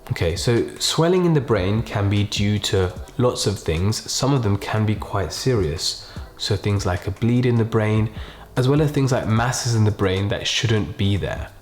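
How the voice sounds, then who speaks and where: A man playing a sympathetic doctor breaking bad news to a patient, slowly, quietly and gently, checking in between short phrases. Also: lowish voice, animated, soft background music. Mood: grave, gentle. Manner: slow, quiet, gentle delivery in small chunks with check-ins. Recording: roomy, echoing voice pickup.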